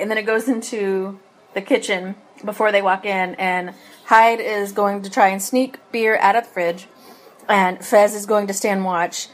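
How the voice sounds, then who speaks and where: A woman co-hosting a casual podcast chat, recapping an episode with frequent laughs and ums. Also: mid-range voice. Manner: laughs often, many ums and restarts; eating while talking.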